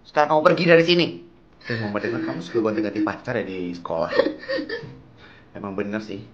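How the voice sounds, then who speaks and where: A man's voice: lowish voice, steady tone, fairly quick, muffled recording, a little hiss or hum, natural voice. A man voicing a mother who rejects the son she left behind, dismissive and scornful. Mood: cold. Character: cold mother who left her son for a new family.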